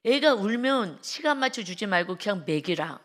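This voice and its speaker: Woman giving a dawn sermon, lively storytelling, acts out little scenes, goes soft and tender then loud and fervent. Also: medium pitch, moderate pace. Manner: drops to a soft tender voice when speaking of caressing a baby; rises loud and fervent at exhortations. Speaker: preacher.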